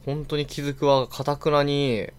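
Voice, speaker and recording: A man's voice: on the high side, measured pace, clean tone. A young man co-hosting a casual podcast, telling an anecdote and acting out quotes with energy. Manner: animated storytelling, acts out quotes loudly. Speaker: podcast co-host. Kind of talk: casual chat.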